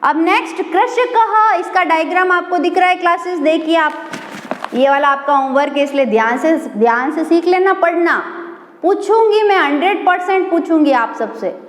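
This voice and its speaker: Long reverb fills the echoey room as a patient female teacher with a very high voice runs a recorded online Sanskrit class at school. Taking her time, she repeats words slowly and poses questions to her students.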